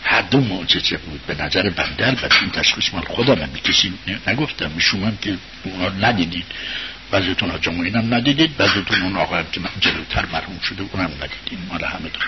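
A man giving an informal religious talk, telling a story to his listeners in a conversational way, rising to loud bursts and sinking to quiet murmurs. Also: deep voice, animated. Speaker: religious speaker addressing an audience. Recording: dull lo-fi recording with faint hiss.

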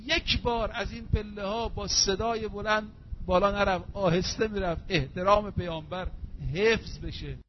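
A man giving a sermon, reciting Arabic verses slowly and then explaining them in everyday speech. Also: high voice, steady tone. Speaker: preacher. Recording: dull lo-fi recording with faint hum.

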